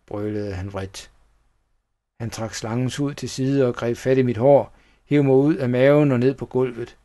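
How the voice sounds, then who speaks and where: A man narrating a children's horror tale, reading at a steady, even storytelling pace. His delivery is plain, with no showy effects. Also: mid-range voice.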